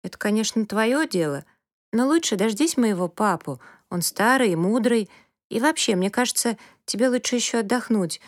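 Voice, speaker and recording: A frank, chatty little girl with quick, eager speech, as a woman reader puts her on. She sounds raised and bright beside the narration, and the storybook voice is close and dry with no room sound. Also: fairly high pitch, expressive, no echo, voice pushed up. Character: lively curious young girl, chatty and frank.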